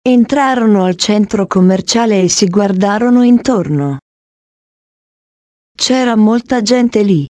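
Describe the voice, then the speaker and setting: A woman narrating a short story in a slow, careful reading style. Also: mid-range voice, dark tone, dry recording.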